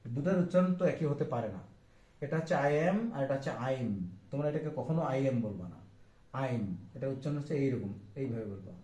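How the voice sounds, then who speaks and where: A man's voice: medium pitch, expressive, brisk, mellow, echoey room. A Bangladeshi man teaching a children's English lesson, repeating each phrase over and over. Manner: repetitive, drills phrases over and over. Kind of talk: classroom-style English lesson in Bengali.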